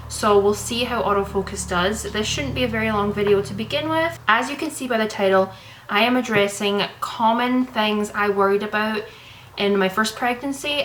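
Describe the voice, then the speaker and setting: Out of breath and rambling, a young Canadian woman reassures viewers in a casual vlog chat to her camera. Her mid-range voice is a bit bright, and the camera mic captures a rough recording with a little hiss or hum.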